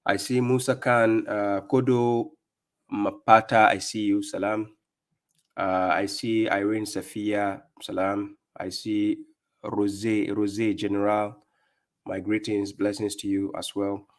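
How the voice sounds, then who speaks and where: Hosting a religious talk on a live stream, this middle-aged Ghanaian man speaks slowly in a lowish voice with a flat delivery and a Ghanaian accent. He is emphatic, repeats "right?" often to check in, and greets viewers by name.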